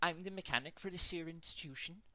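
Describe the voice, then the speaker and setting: A man's voice: fairly high pitch, fast, bright, forceful tone. A man with an Irish accent playing a mechanic in a tabletop game, hesitant and full of ums. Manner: hesitant, lots of ums and uhs. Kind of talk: in-character role-play as a mechanic.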